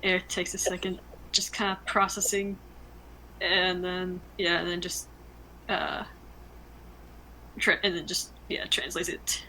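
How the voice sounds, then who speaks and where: A woman playing in a tabletop game, speaking hesitantly with many pauses and fillers. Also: fairly low pitch, flat delivery, pushed and bright, a little hiss or hum, rough recording. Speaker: player. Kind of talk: casual tabletop play.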